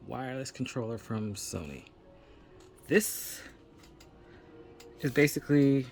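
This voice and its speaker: A man hosting a casual unboxing video, talking excitedly with plenty of fillers as he handles the product. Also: medium pitch.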